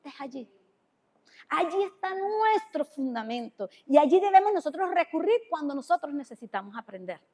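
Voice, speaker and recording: High-voiced woman preaching in echoing church. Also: very animated, moderate pace, warm tone. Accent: Venezuelan Spanish. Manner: conversational, asks the congregation questions. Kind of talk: sermon. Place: church hall. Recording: long church hall reverb.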